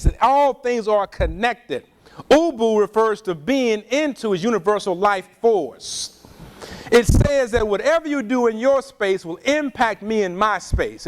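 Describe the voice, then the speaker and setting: A high-voiced man from Louisiana lectures emphatically at a community event, his slow, preacher-like delivery drawing call and response from the audience.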